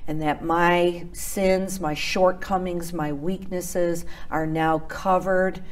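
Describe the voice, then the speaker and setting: Slow, low-voiced woman host preaching. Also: darkish tone. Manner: earnest, preachy, gesturing as she talks. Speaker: TV ministry host. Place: TV studio set.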